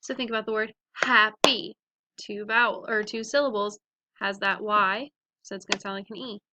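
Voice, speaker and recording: A woman teaching a phonics lesson to young children, sounding out letters and words slowly and clearly. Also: medium pitch, fairly even intonation, background noise.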